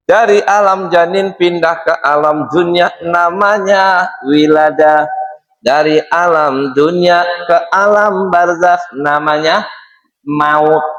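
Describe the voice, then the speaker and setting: Lively high-voiced preacher, echoey hall. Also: male voice. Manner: lively, questioning the audience in a teasing way. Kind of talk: mosque study sermon. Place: mosque hall. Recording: echoey mosque hall reverb.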